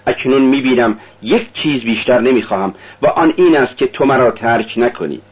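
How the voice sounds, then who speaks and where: Audiobook: brooding, feverish young man, read by a man, husky and intense. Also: mid-range voice, muffled recording, close to an everyday voice. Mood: despairing. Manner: intense, confessional. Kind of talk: audiobook reading.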